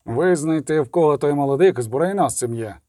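A man voicing an indignant craftsman in a leather apron, loud and demanding punishment. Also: on the high side, moderate pace, no echo, clean studio sound, lightly acted.

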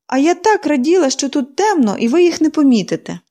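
Woman voicing a little storybook girl, chatty, eager, high, very lively melody. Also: fairly quick. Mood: bubbly. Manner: eager, bubbly, talkative.

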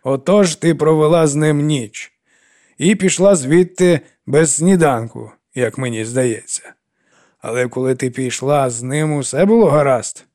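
A man's voice: a little high, unhurried, a little mellow, pitched above the performer's own voice, close to an everyday voice. A man voicing an older woman who scolds and mothers a troubled girl in an audiobook. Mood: stern. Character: older woman, stern yet kindly widow.

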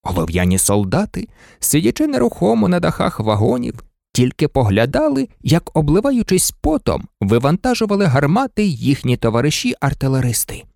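A storyteller reading a children's tale aloud with an expressive, melodic delivery. The pitch rises and falls freely, and the recording is close and dry with no room sound. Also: normal speed, vocal fry, no echo. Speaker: narrator.

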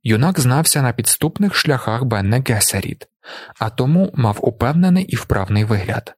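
Man, audiobook narration, steady even reading, mid pitch, dry close recording. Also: moderate pace, no echo. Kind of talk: scripted narration.

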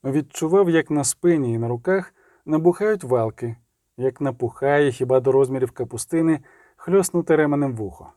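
A man narrating a fantasy audiobook in a steady, dramatic storytelling manner. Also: mid-range voice, moderate pace, dry recording, studio quality.

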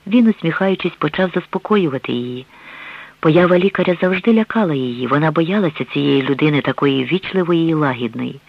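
A man reading a novel aloud in even, measured narration. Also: on the high side, gravelly, no room sound. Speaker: audiobook reader. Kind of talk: scripted narration. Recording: dull dry radio recording.

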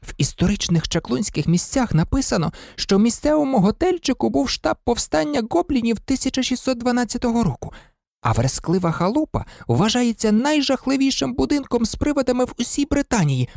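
An audiobook reader voicing an earnest know-it-all teenage girl who talks quickly and insistently. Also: medium pitch, sing-song, creaky, a little mellow, dry recording, clean studio sound, pitched above the performer's own voice. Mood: eager. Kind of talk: audiobook character reading.

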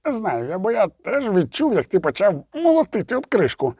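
A gruff, sardonic dwarf who mocks and swears, his voice pitched high and leaping around, as a male reader puts him on. The tone stays mellow and dark. It is heard dry and close, as in a booth. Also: wildly swooping pitch, normal speed, dry recording, exaggerated voice. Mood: grumbling. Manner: mocking, swears freely. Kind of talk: audiobook reading.

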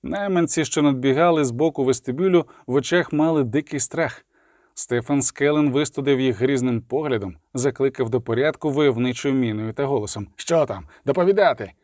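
A man's voice: medium pitch, fairly quick, a little mellow, no echo, clean studio sound. A man narrating a fantasy audiobook with a vivid, dramatic reading.

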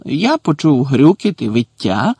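A cold, stern professor voiced by a male reader, silky and cutting in every word. The voice is gravelly and a little husky, recorded dry and close for an audiobook. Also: mid-range voice, big pitch swings, unhurried, mellow, dry recording, full character voice. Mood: suspicious. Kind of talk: audiobook character voice.

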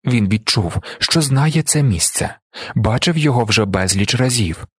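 A man reading an audiobook in an even, measured way. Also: mid-range voice, husky, dry recording, studio quality. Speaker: audiobook narrator. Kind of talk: audiobook narration.

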